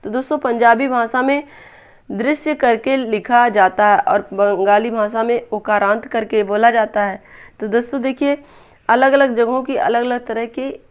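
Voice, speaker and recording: Woman tutor going thru exam answers, kinda high smooth voice, slightly muffled lo-fi audio. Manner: repeats "दोस्तों", asks and answers own questions. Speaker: teacher exam-prep tutor. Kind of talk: explaining exam answers step by step.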